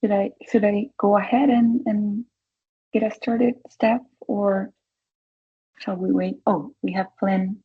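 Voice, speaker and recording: A woman's voice: medium pitch, fairly even intonation, slow pace, breathy edge. A woman from Argentina, speaking, gives a webinar presentation as an education researcher. She talks hesitantly, with frequent "uh" and repeated words. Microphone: video call. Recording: dull lo-fi video call audio.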